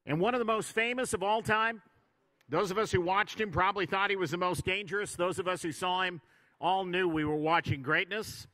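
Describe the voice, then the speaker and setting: A man with an American accent hosting a live ceremony, introducing honorees in a formal, measured build-up. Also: high-pitched, steady tone, pushed and bright, dry recording, low-quality recording. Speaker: ceremony host.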